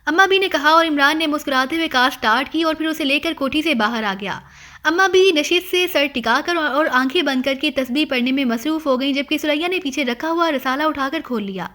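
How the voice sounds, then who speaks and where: Bright high-voiced woman narrating. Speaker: audiobook narrator. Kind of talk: scripted narration.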